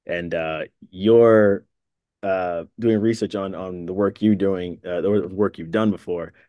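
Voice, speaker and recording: A man hosting an interview, affirming his guest warmly and asking questions that wander a little. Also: sits low, steady tone, measured pace, no room sound, dull audio. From New York. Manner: affirming, encouraging, rambling questions. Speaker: interview host. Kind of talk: casual interview.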